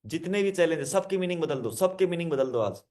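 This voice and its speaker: Fairly high-voiced man teaching self-help. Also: lively intonation, quick pace, darkish tone. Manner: repetitive, instructive, addresses listener directly; explains with simple word examples. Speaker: hypnotherapist. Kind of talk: self-help lesson to listeners.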